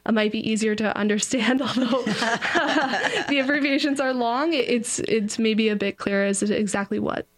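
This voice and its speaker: Woman, young adult, somewhat high pitch, conversational, interview guest. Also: moderate pace, few pauses. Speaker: interview guest, graduate researcher.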